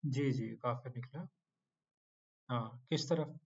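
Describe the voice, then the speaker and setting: A man's voice: mid-range voice, slow, husky, dull audio. A man teaching an online Quranic Arabic class, quizzing students with short prompts and playfully scolding them to do their homework.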